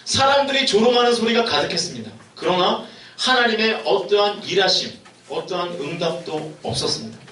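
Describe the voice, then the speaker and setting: A man's voice: high voice, expressive, brisk, pushed and bright. A young man preaching a sermon as a youth pastor, putting questions to the congregation. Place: church sanctuary. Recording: echoey hall, mic heard from a distance.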